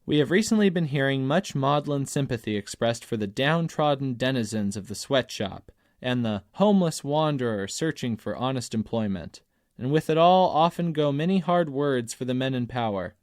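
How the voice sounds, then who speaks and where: Brief: male audiobook narrator, average pitch, measured and emphatic, dry booth sound. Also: animated, darkish tone, dry recording. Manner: measured, emphatic, slows on key phrases. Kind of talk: scripted narration of an essay.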